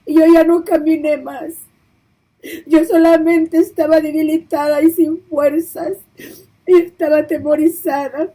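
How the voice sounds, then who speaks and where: A woman's voice: sits high, level tone, unhurried, warm tone, poor audio. A woman preacher giving an emotional testimony of a vision, her voice breaking into tears as she pleads and repeats herself. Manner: repetitive, pleading storytelling.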